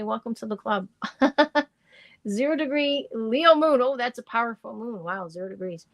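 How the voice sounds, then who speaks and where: In a live stream of astrology and tarot readings, a middle-aged woman chats and rambles with lots of fillers. Her slightly hoarse, deepened voice still has a fairly bright tone, and there's no room sound.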